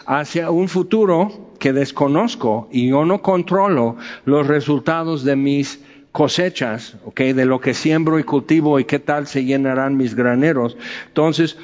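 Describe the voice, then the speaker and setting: A man talks through Bible verses in a loose, conversational way, full of fillers and jokes. His voice sits a little high for a man. The recording sounds dull and carries a long hall reverb. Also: darkish tone. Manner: conversational, joking, with many fillers. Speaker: preacher. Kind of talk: casual Bible teaching.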